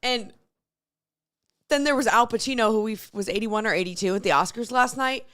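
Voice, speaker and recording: A woman's voice: a little high, a little fast, a bit bright. A woman in her thirties co-hosting a morning radio show, chatting casually with short reactions. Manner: conversational, reacts with short asides. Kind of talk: casual chat.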